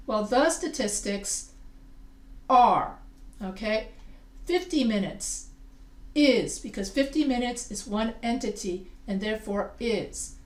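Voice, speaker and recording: In this recorded grammar lesson, a writing teacher who is not a native English speaker works through explanations slowly, frequently going back over and restarting her phrases. Her voice sits toward the high end, and the sound carries room echo with some distance from the microphone.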